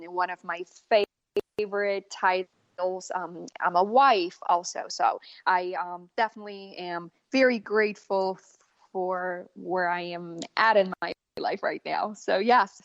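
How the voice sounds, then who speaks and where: Slow-speaking woman from the Balkans. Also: fairly low pitch, no room sound, lo-fi sound. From born in Bosnia, raised in Germany. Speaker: guest, makeup artist. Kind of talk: casual interview talk.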